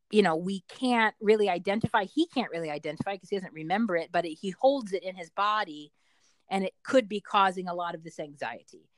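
A woman's voice: mid-range voice, a bit bright, no echo. Talkative middle-aged woman, close dry sound. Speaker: parent interviewed about their child. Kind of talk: personal storytelling in conversation.

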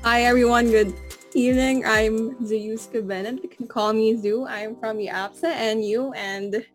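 A woman's voice: a little high, fairly even intonation, unhurried, faint music behind. A young woman from the Philippines co-hosting a casual podcast, chatty and giggly, full of "like" and "you know". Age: young adult. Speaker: podcast co-host.

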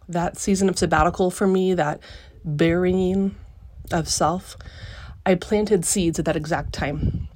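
A woman hosting a reflective solo podcast, musing with frequent pauses mid-phrase, recorded live in a small rock cave. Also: fairly low pitch, a little mellow. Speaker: podcast host.

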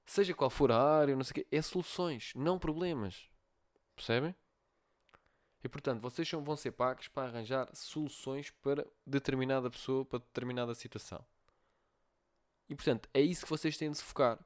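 A man's voice: mid-range voice, brisk. A man with a European Portuguese accent hosting a solo podcast, giving advice and often checking in with his listeners. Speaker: podcast host.

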